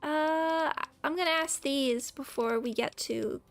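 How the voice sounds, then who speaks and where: A woman's voice: high-pitched, takes it slowly. A woman giving casual let's play commentary, musing aloud in short fragments as she plays a video game. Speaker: gamer commenting on her own playthrough.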